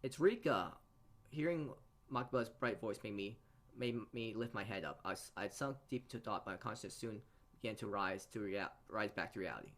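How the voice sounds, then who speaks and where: His voice lowish, expressive and fairly bright, a man reads a visual novel aloud at a fairly quick clip for a let's play. He stumbles, rereads bits and drops side comments while game music plays in the background.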